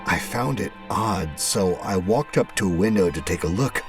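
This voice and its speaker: A man with a deep voice and lively intonation narrates a scripted first-person horror piece over music. The delivery is dramatic and suspenseful, his phrasing deliberate.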